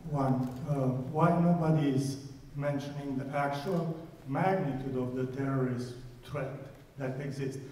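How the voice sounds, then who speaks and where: A man in the audience asking questions at a public forum, halting and filling his pauses with "uh". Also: mid-range voice, steady tone, darkish tone. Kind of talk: question from the floor. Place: large church hall. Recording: echoey hall, voice picked up from far off, faint noise.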